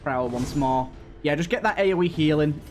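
Fairly high-pitched and speaking at a normal pace, a male gaming channel host offers casual commentary while playing, reasoning through his tactics out loud. Game music plays in the background.

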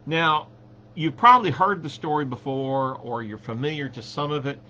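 A man leading a church Bible study, talking it through in a halting, conversational way with many fillers and restarts. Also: fairly high pitch, sharp tone. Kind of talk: slow conversational Bible teaching. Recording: dull lo-fi recording with faint hum.

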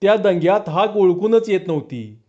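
A high-voiced man tells a comic village story with lively spoken delivery in rural dialect. The recording sounds dull and lo-fi, as if the top end has been cut off. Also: normal speed.

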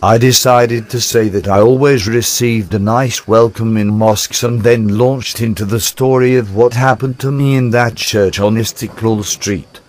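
A man's voice: medium pitch, steady tone, measured pace, few pauses, darkish tone. An older man, narrating his travel video in a chatty, wry, self-deprecating way.

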